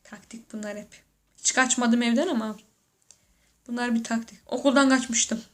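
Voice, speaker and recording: A woman's voice: on the high side, fairly even intonation, moderate pace. Joking young-sounding woman reacting aloud. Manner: joking, laughs often, exclaims loudly; slangy, talks to herself. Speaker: YouTuber reacting to photos. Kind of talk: casual reaction commentary.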